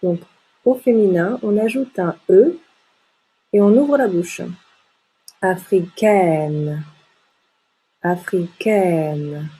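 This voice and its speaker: A woman teaching a French lesson, repeating words slowly and distinctly to model their pronunciation. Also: mid-range voice, lively intonation, dark tone, slightly rough, rough recording. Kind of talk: slow, clearly articulated lesson for learners.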